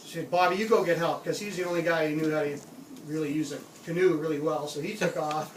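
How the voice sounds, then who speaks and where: A middle-aged man from Canada casually telling a funny camping story, animated and laughing often. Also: on the high side, fast, a little hiss or hum. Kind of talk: casual spoken anecdote. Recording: roomy, distant mic with background ambience.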